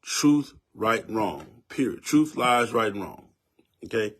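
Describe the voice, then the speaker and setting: A man's voice: fairly low pitch, expressive, takes it slowly, fairly bright tone. A man in his fifties with a Southern US accent, giving his opinion in a casual, preachy way and repeating words for emphasis. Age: 50s. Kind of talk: casual spoken commentary.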